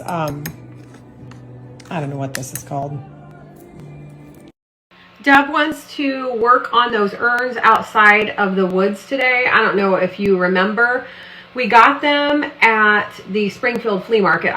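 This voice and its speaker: A woman talks in the loose, informal way of a lifestyle vlogger. Her voice is bright and forward, sitting at a medium pitch for a woman. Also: a little hiss or hum. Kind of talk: casual vlog chat.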